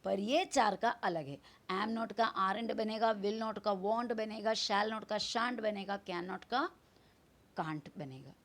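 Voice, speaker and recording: A woman teaching a grammar lesson at an unhurried pace, repeating each form and spelling words letter by letter. Her voice sits at a middle pitch and her explanations are patient and methodical. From India. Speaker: English teacher.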